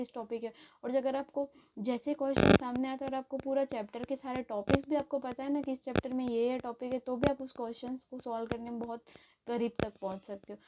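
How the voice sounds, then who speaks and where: A woman's voice: fairly high pitch, noisy background. Chatty woman teacher, narrow lilt. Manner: casual, encouraging, repeats "theek hai" often. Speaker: NEET chemistry teacher. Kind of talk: study-plan explainer in Hinglish.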